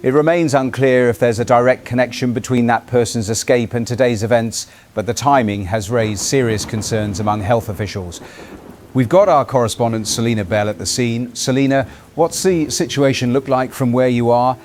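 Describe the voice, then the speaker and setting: In an audio drama, a man plays a serious radio news anchor reading a scripted breaking-news bulletin with composed, formal urgency. His voice is medium-pitched and a little mellow, close to an everyday voice, at normal speed. Light background ambience noise sits under him.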